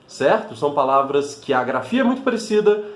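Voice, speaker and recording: Brazilian male language teacher, somewhat high voice, patient explainer, echoey room. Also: sing-song, fairly quick. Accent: Brazilian Portuguese. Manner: patient, with frequent fillers and check-ins like "né?". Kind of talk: explaining to camera.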